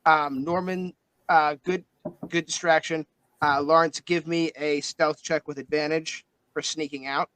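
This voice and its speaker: Man running a tabletop game, halting, lots of fillers, slightly high voice, dry close sound. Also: little pitch movement, pushed and bright, clear, resonant tone, no echo. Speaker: game master.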